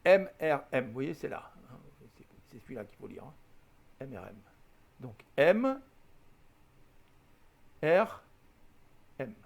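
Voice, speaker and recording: A man's voice: medium pitch, sing-song, slow, gravelly, pauses often. A man hosting a flight simulator tutorial, chatting patiently, spelling out letters and correcting his own slips. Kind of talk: casual screen-recorded tutorial.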